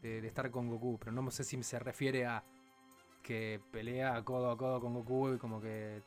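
A man with a Rioplatense accent co-hosting a casual podcast chat, talking in halting, chatty bursts. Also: medium pitch, flat delivery, faint music behind. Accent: Rioplatense Spanish. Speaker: podcast co-host.

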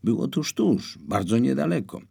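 A man narrating an audiobook with expressive storytelling. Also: normal speed, gravelly, slightly rough. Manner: expressive storytelling with wide swings in pitch.

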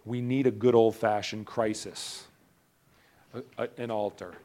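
A man preaching a sermon at a church service. He repeats his lines for emphasis and swings between loud urgency and hushed intensity. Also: fairly low pitch, fairly even intonation, unhurried. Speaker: pastor.

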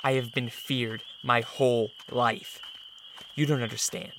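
An actor playing a wary, sheltered vampire count in a radio drama, guarded and earnest. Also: male voice, medium pitch, steady tone, a little slow, background noise, lightly acted. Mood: wary, subdued.

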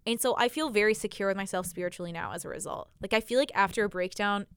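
A woman's voice: medium pitch, quick pace, fairly bright tone, smooth, no room sound. A young American woman hosting a podcast, chatting casually and informally with plenty of slang and "like". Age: young adult. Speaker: podcast host. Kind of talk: casual chat.

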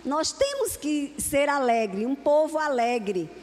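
A woman's voice: sits high, very animated, slow. A woman preacher delivering a sermon to a congregation in an earnest, repeating cadence. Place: church hall. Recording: long hall reverb.

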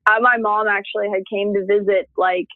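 A woman's voice: medium pitch, flat delivery, fairly quick, no room sound. Chatty woman on a tinny phone line. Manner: chatty storytelling, acts out her own past words. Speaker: interviewee. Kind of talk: casual conversation.

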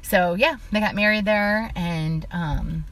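A woman's voice: medium pitch, slow, a bit bright. A middle-aged woman from Illinois, chatting as an interview guest, full of "like" fillers and laughing through her stories. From Illinois, USA. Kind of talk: casual conversational interview.

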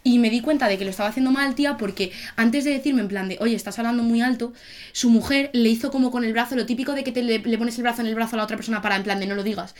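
Young spanish woman rattling off a story super fast, animated, does everyone's voices, casual podcast chat. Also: on the high side. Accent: Spain Spanish. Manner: animated storytelling, acts out quotes. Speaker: podcast co-host.

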